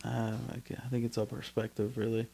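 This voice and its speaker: A man's voice: fairly low pitch, completely flat delivery, fast, vocal fry, mellow. Hesitant man co-hosting a podcast. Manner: hesitant, trails off mid-sentence. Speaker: podcast co-host. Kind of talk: casual chat.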